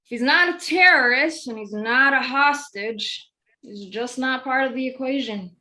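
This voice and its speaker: A woman's voice: high voice, measured pace, bright, forceful tone, low-quality recording. A woman playing an arrogant, brusque male FBI agent. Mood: smug. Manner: brusque, smug.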